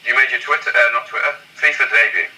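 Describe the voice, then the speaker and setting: A man co-hosting a podcast in casual chat, with a raspy voice, heard as if over a radio or phone link. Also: mid-range voice, fast talker, bright, forceful tone, low-quality recording. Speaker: podcast co-host.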